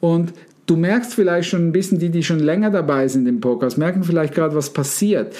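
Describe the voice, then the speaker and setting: A man hosting a podcast, coaching listeners through rhetorical questions and addressing them warmly as dear ones. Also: a little high, brisk. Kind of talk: casual podcast talk on mindset.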